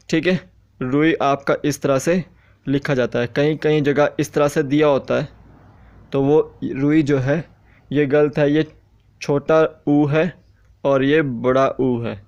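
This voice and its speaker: A young man teaching exam students Hindi spelling, slowly repeating each word as he writes it out. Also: a little high, darkish tone, lo-fi sound. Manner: slow, repetitive, says each word several times. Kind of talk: explaining Hindi spelling rules.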